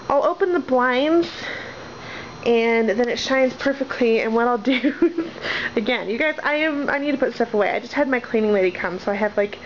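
Room by room, a twentysomething woman with a slightly high voice shows off her home in a casual vlog, filmed on a handheld camera. She chatters, wanders into asides, and jokes about her clutter, while the dull, lo-fi sound picks up noises around the house.

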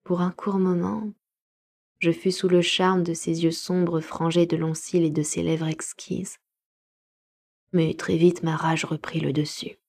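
A woman narrating a classic novel as a home-made live audiobook, measured and expressive. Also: on the low side, gravelly. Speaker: audiobook reader.

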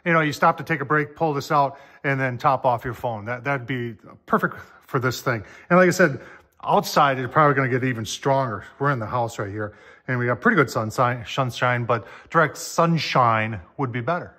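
"Folks" is how an older man addresses his viewers as he casually reviews a product in his kitchen at home, his phone camera within reach, in a folksy manner. He talks fairly quickly in a mid-range voice with a sharp tone.

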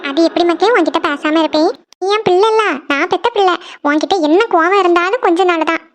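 An actor voicing a loving middle-aged mother in an animated family cartoon, speaking with a soothing, tender manner. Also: very high-pitched, fast, a little hiss or hum. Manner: tender, soothing, calls them "makkale".

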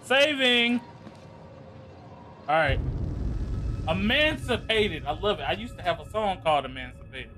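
Male let's play host, hyped gamer bro, high and animated, slangy swearing, music behind. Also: a little slow, long pauses. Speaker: gaming video host. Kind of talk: horror game let's play commentary.

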